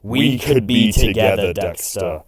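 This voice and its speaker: A man's voice: lowish voice, lively intonation, a little slow, crowd noise. A man doing a coaxing sinister double. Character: sinister infected male double of the narrator, coaxing.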